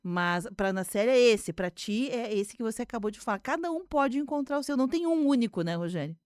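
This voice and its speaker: A woman's voice: on the high side, animated, fairly quick, darkish tone, smooth, no echo, studio quality. A woman hosting a casual radio conversation, reflective, often checking in with her co-host. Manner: reflective, speaks with many tag questions.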